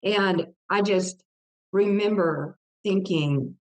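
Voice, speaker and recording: A woman's voice: medium pitch, takes it slowly, a little mellow. Older woman telling an earnest testimony. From Texas. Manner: earnest, emotional storytelling with vivid quoted dialogue. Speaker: guest author. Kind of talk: personal testimony in an interview.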